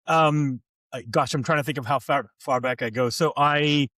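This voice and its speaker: An older man who grew up in Hong Kong answers a podcast interview thoughtfully, with many fillers and frequent restarts. His mid-range voice is pushed and bright with fairly even intonation at normal speed, and there is no room sound.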